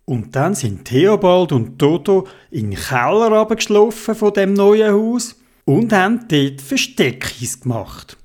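A storyteller with a Swiss German accent, telling an animated children's bedtime story and acting out voices. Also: mid-range voice, measured pace.

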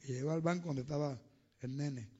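A man preaching a sermon, telling testimonies and building to loud, fervent preaching. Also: on the high side, a little fast, husky, lo-fi sound.

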